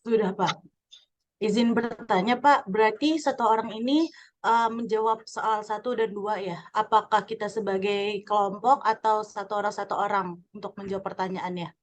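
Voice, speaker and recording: Speak as a woman in her twenties playing a job candidate on a video call, polite and formal, at an ordinary pitch. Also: steady tone, moderate pace. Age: 20s. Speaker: job candidate in a role-play. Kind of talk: role-played group discussion assessment.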